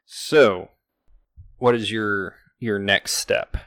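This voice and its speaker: A man's voice: fairly low pitch, steady tone, very slow, fairly bright tone, clear, resonant tone. A man narrating as game master in a tabletop role-playing game, laid-back and conversational.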